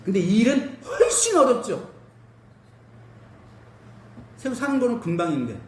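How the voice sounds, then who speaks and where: A male pastor giving an animated sermon, asking his congregation questions and using everyday cooking comparisons, in a church hall. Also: extremely high pitch, a little slow. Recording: roomy hall, mic at a distance.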